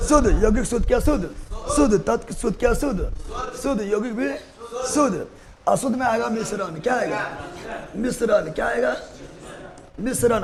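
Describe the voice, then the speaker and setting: A man's voice: sits high, a little mellow, low-quality recording. A man teaching chemistry in a live class, repeating each answer. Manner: repeats answers in a sing-song drill, asks and answers himself. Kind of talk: live online class, call-and-response drilling.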